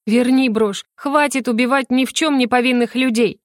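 An anxious young woman, her voice climbing high and sharp as she pleads and accuses, as a woman narrator plays her. Tense and insistent, read close in a dry, deadened room. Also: steady tone, normal speed, no echo, lightly acted. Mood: agitated. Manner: tense, pleading, rising to shouts. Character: young woman, frightened sister turned accuser.

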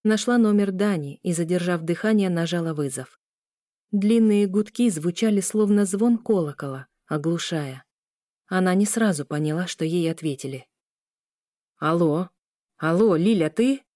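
Female audiobook narrator, calm and even, warm dark tone, dry close recording. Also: lowish voice, moderate pace, no echo.

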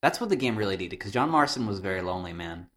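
Co-host, male, lively pitch, rambling and laughing, casual swearing. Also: very fast. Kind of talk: casual comedic chat.

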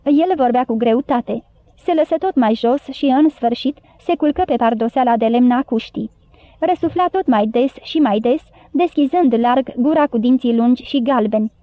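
A woman reads a story aloud at a steady, even pace. Her voice sits high. The recording is narrow and dry, like a phone line. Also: no echo. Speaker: audiobook narrator. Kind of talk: storybook narration.

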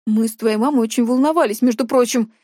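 A woman's voice: on the high side, fast, mellow, no room sound, clean studio sound, natural voice. Woman voicing a falsely cheerful awkward man. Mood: forced cheer. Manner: forced cheerfulness, unsure.

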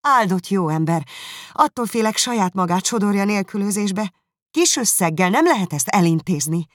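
A man voicing Elizabeth, a lively and anxious young woman, in an audiobook, pleading in a raised voice. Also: high voice, dry recording, clean studio sound, pitched above the performer's own voice. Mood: urgent. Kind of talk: audiobook character reading.

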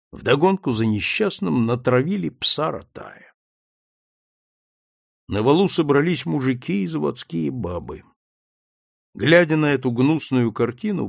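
Slow, gravelly male storyteller. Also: mid-range voice, no room sound, studio quality. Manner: dramatic, expressive reading. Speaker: audiobook narrator. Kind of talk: scripted story narration.

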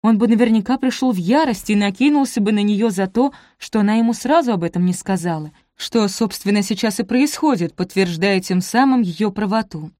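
A woman narrating a romance novel in a measured, expressive reading voice. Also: mid-range voice, no echo, clean studio sound. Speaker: audiobook narrator.

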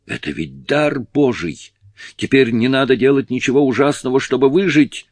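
Hoarse desperate castaway woman, guy reading does her, fierce and pushy, audiobook. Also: mid-range voice, normal speed, no echo, voice pushed up, close to an everyday voice. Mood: wild. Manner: wild, urgent pleading.

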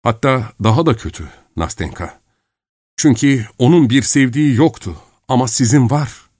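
A man's voice: mid-range voice, expressive, normal speed, darkish tone, husky, no room sound, studio quality, pitched above the performer's own voice. A man reading a novel aloud, giving heartfelt, earnest lines to a lovesick young man. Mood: confessing.

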